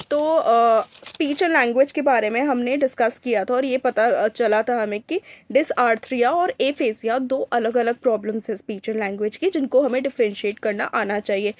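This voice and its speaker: Woman doctor, teaching in a high voice, unhurried and full of fillers, dry close sound. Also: dry recording. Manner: mixes Hindi and English, slows down to read English textbook lines; frequent hesitation fillers. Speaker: doctor teaching clinical examination. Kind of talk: lecture video.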